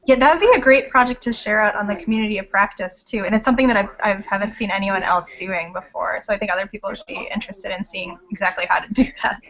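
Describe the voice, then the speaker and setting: A woman's voice: medium pitch, steady tone, fast talker, few pauses, fairly bright tone. A woman interviewing library staff over a video call, upbeat and encouraging. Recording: dull lo-fi video call audio.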